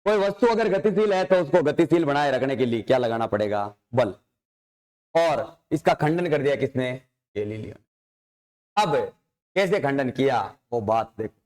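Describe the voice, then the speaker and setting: This time the informal coaching-class lecture comes in a mid-range, expressive voice with a darkish tone and a moderate pace. The male science teacher asks questions, answers them himself, and addresses figures with tu.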